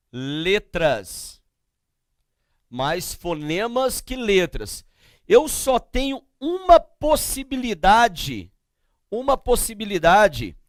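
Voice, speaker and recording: High-voiced Brazilian male teacher. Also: smooth, no echo, studio quality. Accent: Brazilian Portuguese. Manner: asks the class questions and answers them himself; slow and emphatic, spelling out letters and sounds. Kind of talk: classroom grammar lecture.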